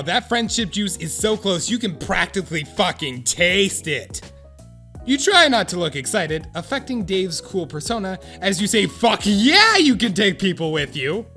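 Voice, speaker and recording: In a comic audio drama, a man voices an earnest, excitable narrator telling the story of an awkward would-be friend. His fairly high, exaggerated voice swings widely as he delivers dramatic second-person scripted narration with mock-solemn gravity and comic profanity, soft music playing under him.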